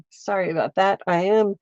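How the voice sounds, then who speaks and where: Slow-talking stuffy woman crafting live. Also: medium pitch, fairly bright tone, dry recording, muffled recording. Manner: slow, meandering, chats with viewers while working. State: stuffy, congested. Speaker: craft livestreamer. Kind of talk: casual craft demonstration. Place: home, at her lap.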